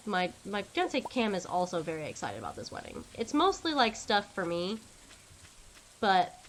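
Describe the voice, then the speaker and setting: Young woman streaming a game, chatty and excited, unhurried, faint hiss behind. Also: on the low side. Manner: chatty, excitable, rambling with many fillers. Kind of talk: casual gaming stream chat.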